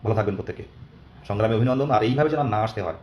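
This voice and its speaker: A young man with a West Bengali accent and a hoarse, worn-out voice, making an earnest, urging live-stream appeal to followers. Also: on the low side, very fast, dull audio. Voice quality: hoarse, strained voice. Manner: urging, repetitive, earnest pleading. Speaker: activist leader among job-seeking teacher candidates. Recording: echoey, faint background noise.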